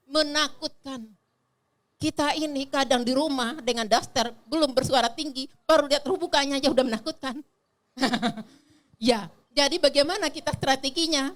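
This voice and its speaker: Lively woman speaking to mothers. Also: high voice. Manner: lively, asks the audience questions. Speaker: speaker on child protection. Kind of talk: talk to a women's audience.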